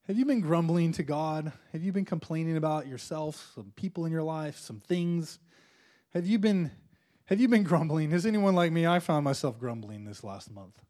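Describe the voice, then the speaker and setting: Fervent, higher-voiced male preacher. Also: animated, normal speed, darkish tone. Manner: fervent call-and-response, repeats lines for the room to echo. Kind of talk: sermon leading a congregation in prayer.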